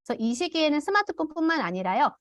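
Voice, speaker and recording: A woman teaching an online parenting class, calmly explaining and acting out what parents can say to children. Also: sits high, fast, dry recording. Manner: demonstrates parent phrases aloud. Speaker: parenting educator. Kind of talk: online parent education lecture.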